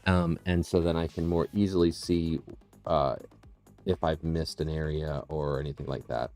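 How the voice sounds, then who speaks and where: With a very deep, darkish voice and a steady tone, a digital painter hosts a livestream at a moderate pace over soft background music. He casually explains his work to viewers, rambling and breaking off his sentences to start again, recorded on a close, processed condenser mic in a small room with tile floors.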